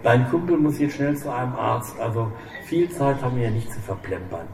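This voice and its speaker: A man reading Andrea, a soft-spoken ruthless old gunman. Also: medium pitch, lively intonation, a little fast, creaky, crowd noise. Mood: cold calm. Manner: quiet, soft-spoken menace. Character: calm ruthless old male gunman, menacing. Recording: echoey room, distant mic, faint hiss.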